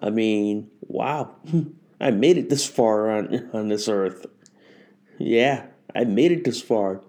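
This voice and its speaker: Slow and a little mellow, his voice lowish, a forties-aged man talks through a casual podcast on his own. He rambles repetitively and often restarts what he's saying.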